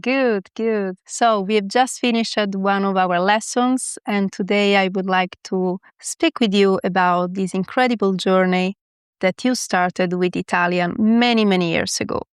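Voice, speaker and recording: A woman's voice: mid-range voice, steady tone, measured pace, clear, resonant tone, dry recording, studio quality. A woman hosting an interview as an Italian teacher, asking polished, prepared questions. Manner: polished, warm scripted questions.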